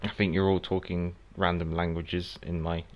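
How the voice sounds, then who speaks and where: A South African streamer whose mother tongue is Afrikaans plays a game and chats casually, reading out comments and responding to viewers by name. He speaks in a low-pitched, flat way at a moderate pace, and the audio sounds dull.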